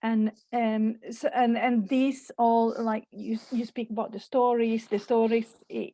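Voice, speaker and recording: A woman from Finland speaking as a panelist in an online conversation, slow and halting with many repeated words. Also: on the high side, level tone, warm tone, no echo, low-quality recording.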